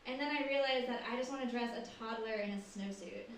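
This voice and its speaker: A woman's voice: fairly high pitch, fast talker. A young woman performing a stand-up comedy set with dry, sardonic storytelling at a live show. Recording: echoey room, far from mic, loud noise.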